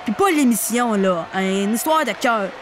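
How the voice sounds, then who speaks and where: A woman with a Québécois accent hosting a comic recap podcast, slangy and animated, playing a mock hockey coach. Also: fairly high pitch, normal speed, a little hiss or hum. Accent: Québécois French. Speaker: podcast host recapping a TV series.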